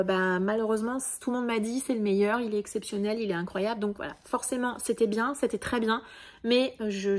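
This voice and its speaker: A woman's voice: medium pitch, a little mellow. A woman giving a casual, chatty book review, full of fillers and restarts. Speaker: book vlogger.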